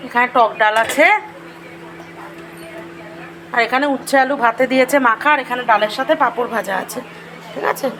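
Hoarse chatty woman vlogging at home. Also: on the high side, steady tone, normal speed, long pauses, fairly bright tone. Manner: chatty, addresses viewers directly. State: hoarse from a cold. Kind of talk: casual home vlog narration. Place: home kitchen. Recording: noisy home recording.

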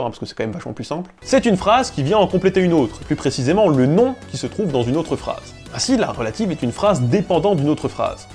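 A young man hosts an educational video about language, talking quickly with a tone that jumps up and down a lot. He slips in ironic, teasing asides between his explanations. Faint music plays underneath. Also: fairly high pitch. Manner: lively, ironic, playful asides. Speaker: linguistics video host.

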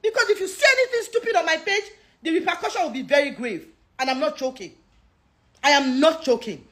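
A Nigerian woman with a Yoruba accent and a very high voice rants straight to camera. She pleads and scolds in turn, moving between English and Yoruba as she talks. She sounds middle-aged. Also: animated, a little fast, fairly bright tone. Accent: Nigerian, Yoruba-speaking. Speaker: social media personality. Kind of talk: impassioned direct-to-camera rant.

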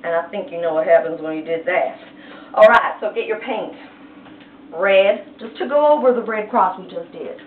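A woman's voice: mid-range voice, lively intonation, moderate pace, slight background noise. Chatty lady teaching painting, tells the story all slangy and playful, echoey thin far-off sound. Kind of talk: casual art lesson with storytelling. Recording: echoey, tinny, far from mic.

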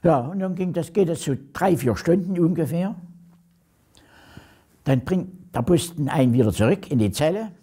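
Old guy in his 80s telling his story, husky, halting, lots of pauses. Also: on the high side, expressive, warm tone. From Germany. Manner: slow, halting, pauses often. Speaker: former prisoner, interviewee. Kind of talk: recounting memories in an interview.

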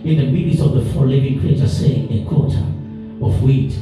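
Music is clearly audible behind a pastor heard from some distance in a highly reverberant church hall. Speaking African English at a moderate pace, in a voice somewhat high for a man, he delivers a sermon of rising declarations and repeated phrases, his rolling cadence stacking promise upon promise as his voice climbs.

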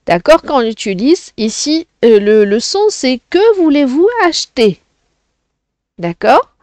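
A woman's voice: high voice, big pitch swings, measured pace, a little mellow, dry recording. A woman teaching a French lesson to children, explaining patiently and often checking "d'accord?".

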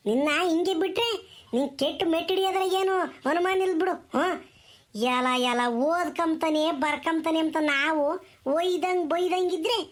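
Woman as high-voiced nagging village mother, rural Tumakuru Kannada, comedy skit. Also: moderate pace. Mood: scolding. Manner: nagging, scolding, rhythmic village talk. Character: scolding village mother, strict and sharp-tongued.

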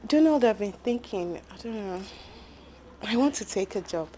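An actress with a Nigerian accent playing a devout, long-suffering wife who speaks softly and patiently. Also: female voice, medium pitch, expressive, normal speed, noisy background, lightly acted. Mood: hopeful. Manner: soft, patient, faith-filled. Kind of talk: film drama acting.

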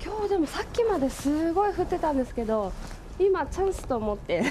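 A woman's voice: sits high, big pitch swings, quick pace. A woman giving casual, light-hearted answers in a street interview outdoors. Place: outdoors on a snowy residential street. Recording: clear outdoor background noise.

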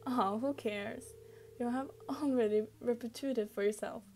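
A woman's voice: on the high side, a little slow, darkish tone, a little hiss or hum. A woman voicing a protective, teasing older brother, a young man hero, reading his lines aloud from a fan story with light emphasis.

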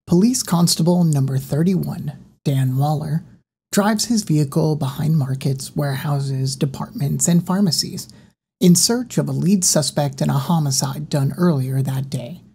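A woman narrating a horror audiobook in an even, unhurried reading voice. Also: low voice, creaky, slightly rough.

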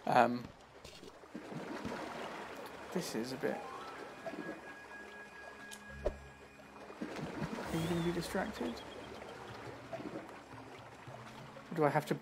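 A man chatting casually while playing a video game live, breaking into quick exclamations as he reacts. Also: fairly high pitch, animated, heavy background noise. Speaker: streamer. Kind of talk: live gameplay commentary. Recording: game music playing behind.

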